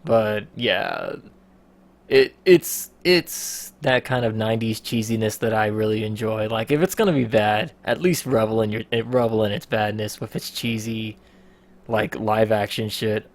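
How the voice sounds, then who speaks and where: Rambling, swearing podcast host. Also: male voice, on the low side, normal speed. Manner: rambling, swears, laughs often. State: out of breath. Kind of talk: casual podcast chat.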